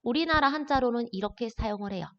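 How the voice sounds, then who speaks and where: A woman's voice: fairly high pitch, animated, quick pace. Woman teaching a lesson, in a reverberant room. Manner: patient, explains step by step with frequent "자". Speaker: Chinese language teacher. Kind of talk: recorded classroom lesson. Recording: dull lo-fi audio with long reverb.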